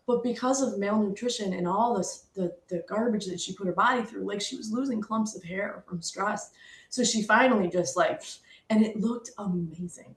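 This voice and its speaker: Woman, middle-aged, mid-pitched, emotional personal storytelling, echoey room. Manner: emotional, heartfelt, pausing, fighting back tears. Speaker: speaker sharing a personal story.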